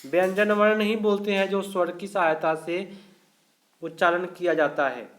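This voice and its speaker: A man teaching a live online grammar class, going through each question slowly and explaining every answer step by step. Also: high voice, fairly even intonation, a bit bright. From India.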